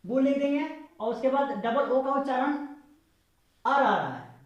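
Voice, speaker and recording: A woman teaching English pronunciation, spelling words out slowly letter by letter and checking whether the viewer has understood. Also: high-pitched, lively intonation, highs cut off. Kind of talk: spoken English lesson explained in Hindi. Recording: very echoey room.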